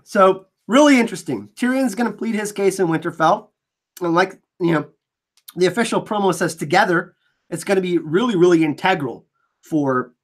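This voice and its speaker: A high-pitched man hosts a fan channel where he breaks down trailers in a casual, enthusiastic way. Allergies make his excitable voice sound slightly scratchy.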